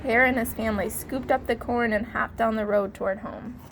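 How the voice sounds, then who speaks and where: A woman reading a storybook aloud as a teacher, expressive and stopping to put questions to children. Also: a little high, creaky. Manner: expressive, drawn-out emphasis, prompting listeners with questions. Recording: light background noise.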